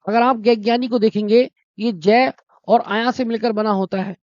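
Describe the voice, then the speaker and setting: A man's voice: high-pitched, steady tone, dry recording. Guy teaching an exam prep class, asks himself questions then answers, dry dull lo-fi mic. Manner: explains slowly, asks and answers his own questions; addresses students warmly as brother and friends. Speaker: Hindi teacher.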